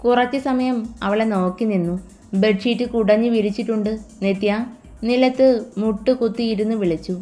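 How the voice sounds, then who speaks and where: A woman's voice: a little high, a little fast. Woman reading a romance story over music. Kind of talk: scripted romance narration. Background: soft music.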